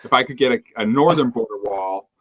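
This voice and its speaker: A man's voice: medium pitch, a little fast. A man co-hosting a casual political podcast, given to sarcastic joking rants. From Maine. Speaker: podcast co-host.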